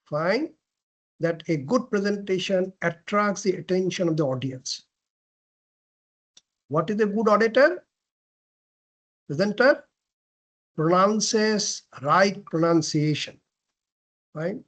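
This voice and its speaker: A man with a fairly high voice teaches a class on how to present well. He talks slowly and deliberately, putting questions to the room and answering them himself. He often clears his throat and restarts his phrases. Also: expressive, fairly bright tone. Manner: frequent throat clearing and self-corrections. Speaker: lecturer on presentation skills. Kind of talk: classroom lecture.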